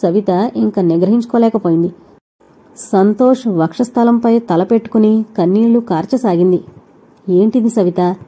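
A woman narrates an audio novel with scripted, steady delivery. Her voice is very dark and mellow. She tells the story evenly and calmly. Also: mid-range voice, moderate pace, breathy edge.

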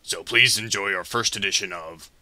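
A man's voice: fairly low pitch, moderate pace, heavy background noise, lightly acted. A man voicing a flippant, self-aware villain in a comedic anime parody, chatty and theatrical in a casual mock-menacing way. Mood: flippant, stalling.

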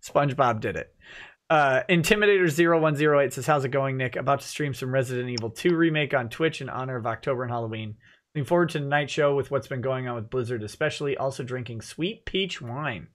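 A man in his thirties hosts a live stream show from his indoor home office studio, speaking quickly in a mid-range voice with a fairly bright tone. He is chatty, laughs often, and reads viewer comments aloud. He uses a headset with a boom mic.

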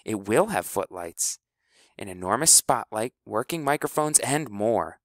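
A man's voice: on the low side, expressive, unhurried, dry recording. A man voicing a pompous, theatrical woman pageant director who drops fake French phrases into her speech, as a character in an audiobook.

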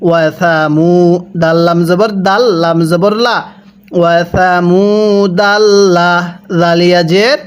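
Slow, clear high-voiced man teaching recitation. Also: steady tone. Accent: Bangladeshi Bengali. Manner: spells letters and vowel marks slowly, then asks listeners to repeat after him. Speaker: Quran reading teacher. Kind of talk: slow spelled-out Quran recitation lesson.

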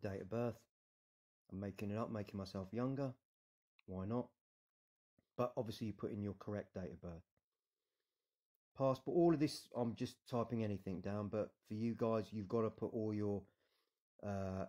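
In this screen-recorded tutorial, a UK man with a British accent guides viewers through an online immigration form in a relaxed, reassuring way. His mellow, fairly low voice moves at normal speed with long pauses, and he frequently adds "yeah?".

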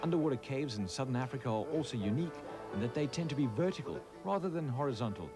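A man giving scripted documentary narration in a measured, informative way. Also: mid-range voice, expressive. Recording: voice-over with music behind. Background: music.

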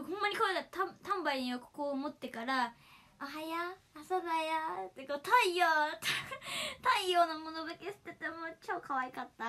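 Giggly high bright-voiced young woman. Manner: giggly, chatty, laughs often. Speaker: idol livestream host. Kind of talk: casual livestream chat, reading viewer comments.

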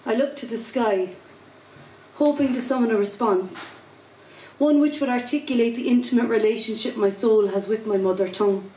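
On a pub stage in Ireland, a spoken word poet in her thirties with a Cork accent chats casually in an interview, then recites her poems with rhythm and self-deprecating humor. Her voice is fairly high, mellow, and paced normally. A handheld mic and a distant camera capture her in an echoey pub from far off, with slight background noise.

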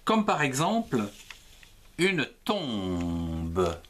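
A man teaching a slow reading lesson for early readers. He spells letters one at a time in a sing-song voice, rising on each letter and falling as he blends the syllable. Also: medium pitch, huge pitch swings, slight background noise.

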